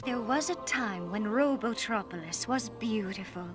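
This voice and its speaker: A woman voicing a solemn royal mother in a 1990s cartoon, narrating slowly and gravely. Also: a little high, expressive. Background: cartoon score music.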